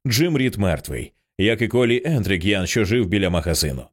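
A man reading an audiobook, voicing a tired husband giving firm, measured instructions. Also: fairly low pitch, big pitch swings.

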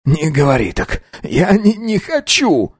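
A man's voice: mid-range voice, animated, moderate pace, husky. A man voicing a dying young man who mutters and stammers in panic. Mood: pleading.

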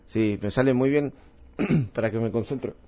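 A man's voice: medium pitch, normal speed, warm tone. A man with an Argentine accent, a comedian guest chatting in a radio interview, rambling and self-deprecating as he laughs at his own jokes. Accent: Argentine Spanish. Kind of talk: casual interview banter with comic bits. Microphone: radio studio microphone.

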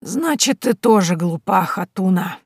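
A woman reading an audiobook voices a sharp-tongued, domineering old mother-in-law who scolds slowly and cuttingly. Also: mid-range voice, expressive, no echo, studio quality, voice pushed up, natural voice. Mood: scornful.

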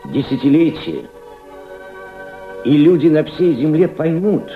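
In a Soviet radio play, an actor voices a kindly, fatherly middle-aged diplomat who is thoughtful and resolute, speaking gently to his companion in a measured, theatrical way. His somewhat high male voice swings widely in pitch, solemn and oratorical. The archival recording is muffled, with music behind.

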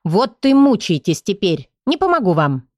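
A woman's voice: mid-range voice, sing-song, moderate pace, a little mellow, no room sound, lo-fi sound. A woman reading an audiobook and voicing a sulky, pouting goblin woman. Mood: pouty. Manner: pouty, teasing.

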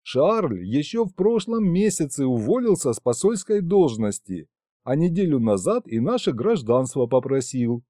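A man narrating a story in the first person with a wry, expressive delivery. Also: a little high, normal speed, dry recording, studio quality. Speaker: audiobook narrator.

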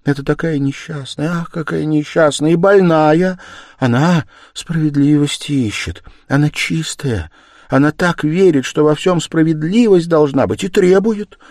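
Guy reading a book doing a shy meek young woman, voice pushed way up high, soft and unsure, dry close sound. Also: moderate pace, no room sound, natural voice. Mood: pleading. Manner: soft, hesitant, rising to tearful pleading. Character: timid, meek young woman, gentle and pleading. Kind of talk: audiobook character reading.

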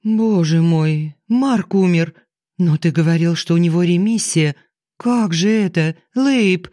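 A man voicing a theatrical middle-aged woman who exclaims in breathy, dramatic gasps in an audiobook. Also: lowish voice, slow, dark tone, dry recording, studio quality. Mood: dramatic shock.

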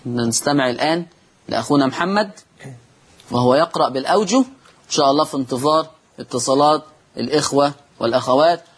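A man's voice: mid-range voice, husky. A man with an Egyptian accent teaching the rules of Quran reading on a TV lesson, explaining step by step and answering his own questions. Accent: Egyptian Arabic.

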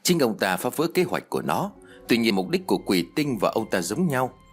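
Man as a calm, knowing uncle. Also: on the low side, normal speed, husky, faint music behind. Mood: grave. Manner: explaining, gently teasing.

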